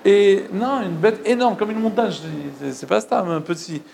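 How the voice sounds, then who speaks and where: A man casually retelling religious stories to listeners, halting and repeating words as he goes, often checking that they follow. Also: high-pitched, gravelly, a little mellow. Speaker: storyteller.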